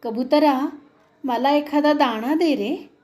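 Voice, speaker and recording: A woman's voice: high-pitched, slow, darkish tone. A woman voicing a tearful injured little sparrow. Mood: pleading. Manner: plaintive, pleading.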